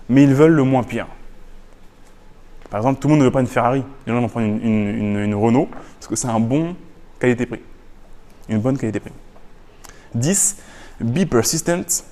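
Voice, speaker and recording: A lively man talks straight to his audience, laying out tips one by one. His pitch sits in the middle range for a man, and he keeps coming back to the same phrases for emphasis. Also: long reverb tail. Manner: energetic, repeats phrases, mixes English quotes. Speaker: business YouTuber. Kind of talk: casual book summary to camera.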